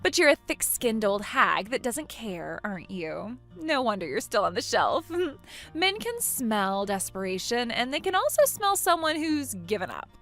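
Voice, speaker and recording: A woman voices a spiteful younger sister in her twenties who sneers and laughs at everyone. Her voice is bright and sharp, and it swings widely up and down. Faint music plays underneath. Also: a little high, very animated, measured pace, heavily acted. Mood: mocking. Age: 20s. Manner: mocking, laughs at others. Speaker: character in a voiced text story. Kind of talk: voice acting for a text-message story.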